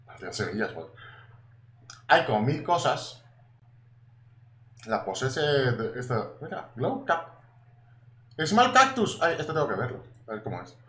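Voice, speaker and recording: A young man with a Spain Spanish accent giving casual, excitable gameplay commentary, swearing now and then and chatting to his viewers. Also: mid-range voice, moderate pace, pauses often. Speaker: gaming YouTuber. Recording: echoey room with faint noise.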